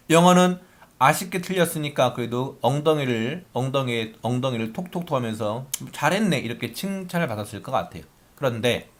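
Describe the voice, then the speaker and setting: A man's voice: mid-range voice, a bit bright. A man teaching a math lesson who keeps asking questions and answering them himself, sometimes speaking as his students. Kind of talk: lively lecture at a whiteboard.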